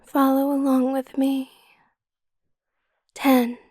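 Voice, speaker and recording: A woman guiding a hypnotic induction in a slow, soothing hypnotist manner, with a soft, breathy, half-whispered ASMR delivery. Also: high-pitched, monotone, dry recording, clean studio sound. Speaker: hypnotist guide.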